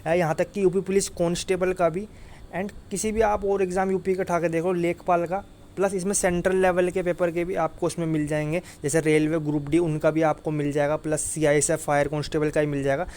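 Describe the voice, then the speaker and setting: Slight background noise accompanies a man whose voice is on the high side, level and darkish, and a bit fast. As an exam-news YouTuber and coach, he delivers an informal exam update to students, insistent and repetitive, frequently adding "okay" to his phrases.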